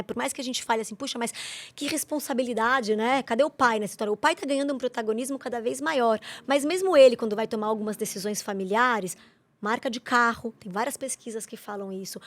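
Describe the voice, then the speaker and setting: A woman, a guest explaining the children's market in a persuasive, animated way. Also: a little high, no room sound. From Brazil. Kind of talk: interview conversation.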